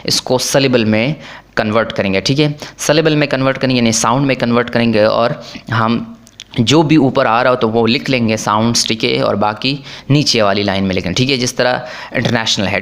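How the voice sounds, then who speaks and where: A man explaining English grammar rules in Hindi, repeating "ठीक है" often and reading English rules slowly. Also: medium pitch, fairly bright tone.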